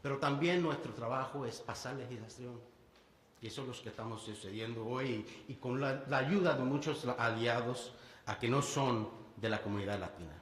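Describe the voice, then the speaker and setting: Legislator, male, 30s, Puerto Rican accent; halting, mixes in English; roomy hall echo. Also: medium pitch, a bit bright. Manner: halting, many restarts, slips into English words. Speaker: state legislator. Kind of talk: press conference speech. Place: bill signing event indoors. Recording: echoey hall with long reverb.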